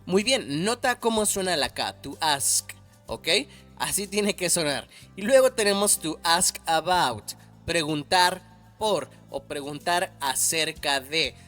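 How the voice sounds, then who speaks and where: Slow, patient Spanish-speaking English teacher. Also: male voice, a little high, expressive, pushed and bright, soft background music. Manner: patient, repeats each word slowly and clearly. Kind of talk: slow, careful language lesson.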